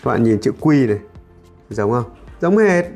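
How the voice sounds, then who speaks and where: A man's voice: mid-range voice, sing-song, normal speed, gravelly, darkish tone, soft background music. A man, chatting casually and jokingly while unboxing tech gear as a channel host. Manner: chatty, jokey, talks while handling items.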